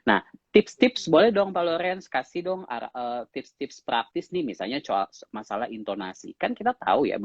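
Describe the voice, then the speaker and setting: A man's voice: on the low side, slightly rough, no room sound. A man from Indonesia hosting a live-stream interview, summing up and asking long questions. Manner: sums up and asks long questions. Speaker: host. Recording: dull lo-fi live-stream audio.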